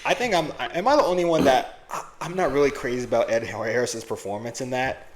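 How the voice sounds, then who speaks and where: A man's voice: mid-range voice, a little fast, slight background noise. Easygoing man in casual podcast chat. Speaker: podcast co-host.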